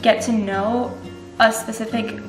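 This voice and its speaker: A woman's voice: fairly high pitch, steady tone, measured pace, over music. A young woman from Turkey, an international student, answering interview questions in a thoughtful, hesitant way. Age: young adult. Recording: echoey room.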